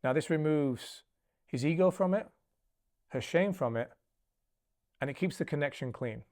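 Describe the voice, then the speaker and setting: Calm man giving relationship advice. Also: a little high. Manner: calm, measured, instructive delivery. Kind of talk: scripted advice monologue.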